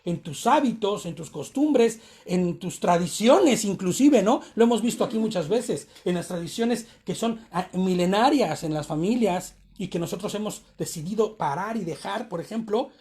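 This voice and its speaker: A man's voice: high voice, expressive, moderate pace, hardly any pauses, a little mellow. A man giving a conversational sermon on a Torah portion to his congregation, often checking in with short tag questions. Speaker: congregation teacher.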